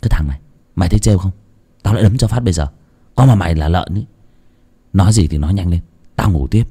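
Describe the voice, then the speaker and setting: A man voicing a grumpy, bossy village boy, talking gruffly. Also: low voice, quick pace, mellow. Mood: scolding.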